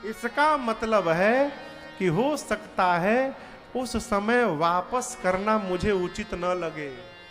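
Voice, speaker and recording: A man preaching a devotional story sermon, slow and emphatic, acting out dialogue and chanting verses. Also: high voice, animated, a bit bright. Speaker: Ram Katha preacher. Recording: long hall reverb with faint music.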